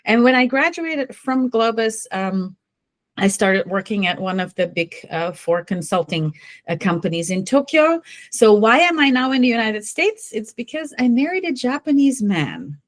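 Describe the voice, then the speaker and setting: A woman's voice: a little high, big pitch swings, normal speed. A woman from Belgium, a guest consultant, talks in a friendly, explanatory way with a few fillers. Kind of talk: casual interview talk.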